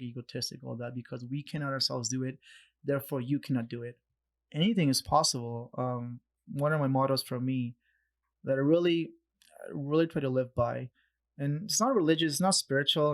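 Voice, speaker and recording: A young man from Peru, a podcast guest, casually telling a story and acting out the voices of people he quotes. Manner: animated, acts out quoted voices with raised pitch.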